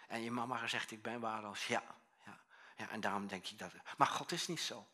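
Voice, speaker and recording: A husky-voiced male pastor delivers a sermon, with a bright, forceful edge to his voice. He tells stories animatedly, acting out voices, dropping to near-whispers and then rising to loud, high exclamations. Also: a little fast. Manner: animated storytelling, acts out voices, swings from hushed to shouting.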